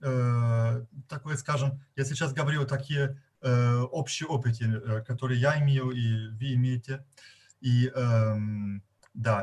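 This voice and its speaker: A man from Germany with a German accent gives unscripted forum remarks as a guest, haltingly searching for words as a non-native speaker. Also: mid-range voice, darkish tone. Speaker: guest participant at a media forum.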